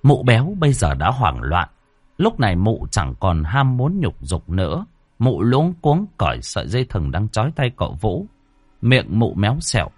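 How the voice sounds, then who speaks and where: A man narrating a horror audiobook in a dramatic, expressive storytelling manner. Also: fairly low pitch, normal speed, slightly rough, no room sound.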